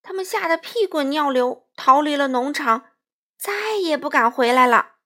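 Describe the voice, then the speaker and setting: A woman reading a children's storybook aloud, gently and expressively, addressing young listeners. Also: high voice, animated, moderate pace.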